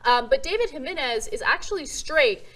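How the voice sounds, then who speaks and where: A woman's voice: sits high, animated, normal speed, fairly bright tone. A woman co-hosting a casual talk show, reading out news stories and chatting about them. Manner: reads news stories then chats, fillers. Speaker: co-host.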